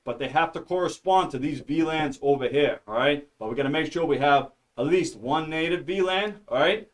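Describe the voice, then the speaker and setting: A man with a slightly higher voice runs a casual study stream, explaining networking in a loose, talkative way. He keeps checking in with listeners and throws in little jokes. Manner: rambling and talkative, says "all right?" and "okay?" constantly; jokey, mutters to himself. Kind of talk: casual live-stream teaching.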